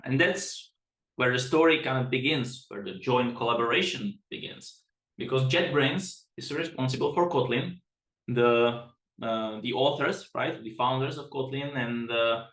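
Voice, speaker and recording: A man's voice: mid-range voice, fairly bright tone, echoey room. A man from the Czech Republic giving a webinar presentation as a product director, chatty and self-deprecating, often restarting his sentences.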